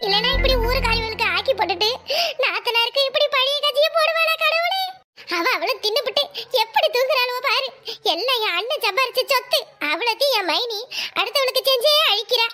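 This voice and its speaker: A whiny, scheming young sister-in-law from a village cartoon comedy, voiced by a woman. Her voice is very high and bright, and she grumbles and wails over her troubles. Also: brisk. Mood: wailing. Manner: wailing, complaining village comedy lament.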